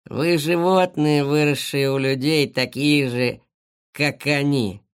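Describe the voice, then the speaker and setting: Sneery animal bad guy, slow and taunting, reader doing him. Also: medium pitch, steady tone, clean tone, natural voice. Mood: sneering. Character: scheming male animal villain, mocking.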